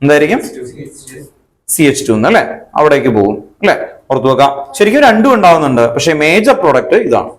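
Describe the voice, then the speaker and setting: A man teaching a chemistry lesson. He asks his students questions and then answers them himself, and he spells terms out slowly. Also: on the high side, very animated. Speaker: chemistry tutor. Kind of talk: online exam-prep lesson.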